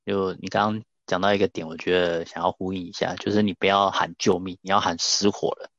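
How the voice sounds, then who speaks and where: A man's voice: sits low, little pitch movement, fairly quick, a bit bright, no room sound. A man hosting an interview, responding reflectively to his guest's points, on slightly dull audio. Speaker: host. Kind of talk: casual interview talk.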